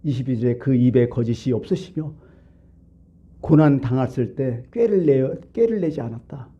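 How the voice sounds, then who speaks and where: A man's voice: mid-range voice, animated, moderate pace, breathy edge, dull audio. A male pastor from South Korea preaching a Sunday sermon in a church, conversational and blunt, asking the congregation rhetorical questions. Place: church sanctuary.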